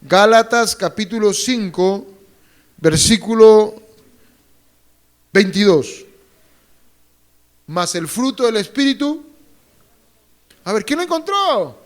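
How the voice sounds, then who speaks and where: Speaking slowly with long pauses, a pastor in a high, animated voice delivers a fervent sermon to his church congregation. He gets them to repeat phrases after him and throws in jokes along the way.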